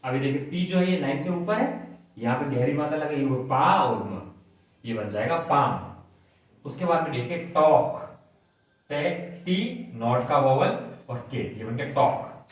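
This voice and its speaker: A man's voice: fairly high pitch, lively intonation, measured pace. Man teaching shorthand in an echoey room. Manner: patient, step by step, asks if students follow. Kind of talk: classroom lesson explaining on a board. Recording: very echoey room, mic at a distance.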